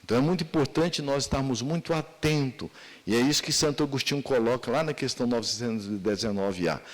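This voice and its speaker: Man, Brazilian accent, spiritual lecture, rhetorical questions, mid pitch, long hall reverb. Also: quick pace. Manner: asks many rhetorical questions.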